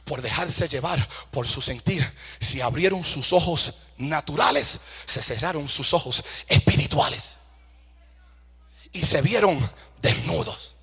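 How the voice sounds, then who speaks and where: A man's voice: a little high, unhurried, a bit bright, husky, big-room sound. A man preaching a fervent sermon, asking rhetorical questions, calling for amens and mixing English phrases into his Spanish.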